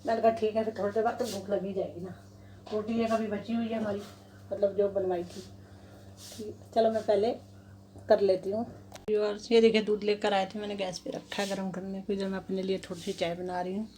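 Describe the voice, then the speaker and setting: Speaking a little fast in a dark, medium-pitched voice with little pitch movement, a middle-aged woman from India narrates her home chores step by step for her vlog. Her Delhi Hindi accent comes through on a low-quality phone recording from her kitchen and balcony, with slight background noise.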